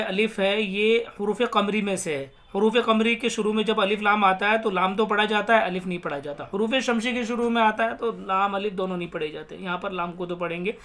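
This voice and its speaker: A man with a high, sharp-toned voice teaches Quran reading. He breaks the words down into letters and vowel marks one at a time, then recites them slowly with drawn-out sounds.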